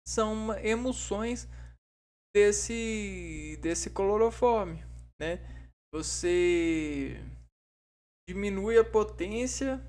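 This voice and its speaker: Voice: mid-range voice, a little mellow. A vlogger, talking in a casual, reflective monologue that rambles and hesitates, full of tag fillers and acted-out bits of dialogue.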